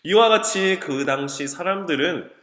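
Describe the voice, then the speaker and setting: A man giving a children's sermon, telling the story slowly with emphatic exclamations, recorded in a church. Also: on the high side, lively intonation, fairly bright tone. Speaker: children's ministry preacher. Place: church sanctuary. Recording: echoey church hall.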